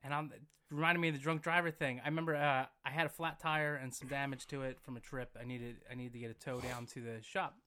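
A man in his thirties telling a rambling story as a podcast co-host, animated and laughing as he goes. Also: mid-range voice, fast, clean tone. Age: 30s. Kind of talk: casual storytelling.

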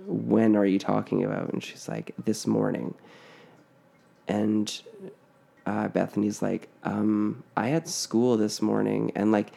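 A podcast co-host with a fairly low, dark, creaky voice speaks slowly in a level tone. He tells a spooky family story in a casual, rambling way, full of fillers and restarts.

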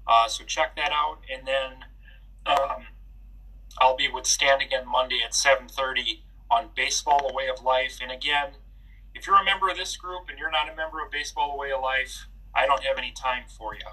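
A man's voice: mid-range voice, brisk, bright, forceful tone, husky, far from the mic, poor audio. A man hosting a casual baseball podcast, chatty and loose, with many filler words. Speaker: podcast host. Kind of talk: casual sports podcast chat.

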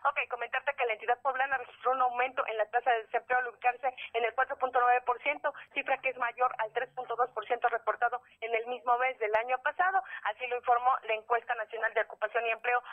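A woman reporter giving a brisk reading of a prepared news report. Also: fairly high pitch. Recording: phone line.

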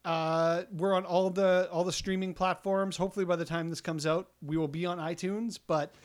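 Middle-aged male co-host, higher-pitched voice, rambling and self-mocking, casual chat. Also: little pitch movement, moderate pace. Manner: rambling, self-deprecating, many restarts and ums. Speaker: podcast co-host.

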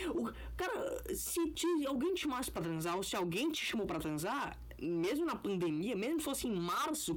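A man chats loosely on his solo podcast from a bedroom. He rambles and swears freely, and his gain is set far too high, so every word is clipped and distorted by the overdriven mic. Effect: clipped, distorted audio from mic gain set too high. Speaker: podcast host. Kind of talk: casual solo podcast chat. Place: bedroom in an apartment building.

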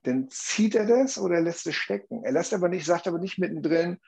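A man's voice: high-pitched, animated, brisk, gravelly, a little mellow, breathy edge. A man explaining a view earnestly in conversation, often checking in with tag questions.

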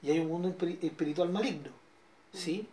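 Teaching an interactive Bible study, a middle-aged Chilean-accented pastor keeps questioning and checking in with his listeners. He speaks briskly in a high-pitched, dark-toned voice, with slight background noise.

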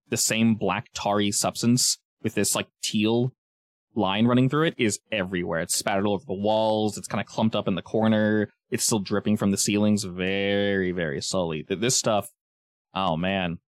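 A man running a tabletop game, improvising casual, descriptive narration and pausing to search for words. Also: fairly low pitch, fairly even intonation, dry recording, studio quality. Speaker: game master.

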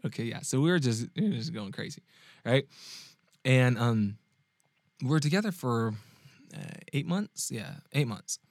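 On his podcast, a man who works as a host and dating coach tells a personal story in an ordinary mid-range voice, recorded dry with no echo. His pace is measured with frequent pauses, yet he's casual and animated, laughing often, restarting sentences and checking in with the listener.

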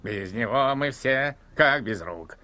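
A man's voice: medium pitch, animated, slow pace, pushed and bright. A man voicing a goofy cartoon dad who sings a silly song in a comic singsong, in a cartoon dub. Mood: silly singing. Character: goofy cartoon dad singing about a pig.

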